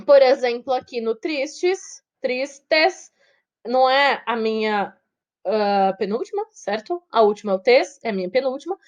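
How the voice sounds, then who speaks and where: A woman teacher with a Brazilian Portuguese accent, giving an online lesson. She repeats words slowly syllable by syllable and keeps checking with the class. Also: on the high side, lively intonation. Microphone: video call setup, her own face on screen.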